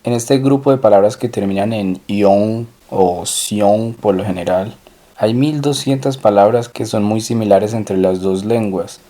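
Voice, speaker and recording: A man teaching French in a recorded lesson, slowly drilling and repeating each phrase. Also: lowish voice, mellow. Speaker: language teacher.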